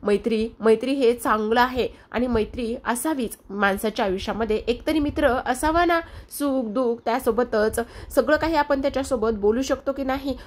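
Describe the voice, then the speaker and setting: A woman's voice: fairly high pitch, moderate pace, hardly any pauses, pitched above the performer's own voice, lightly acted. Kavya, as a woman narrator puts her on, a cheeky young student. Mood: coaxing. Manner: teasing, protesting, lively.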